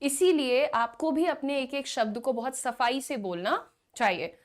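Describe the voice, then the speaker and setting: A young woman with an Indian accent teaches a class, talking in a high, bright voice. She chats and teases her students, then stretches each new word out slowly and carefully so they can copy its pronunciation. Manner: chatty, teasing, drills pronunciation slowly. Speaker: spoken English teacher. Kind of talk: live online class, Hindi mixed with English.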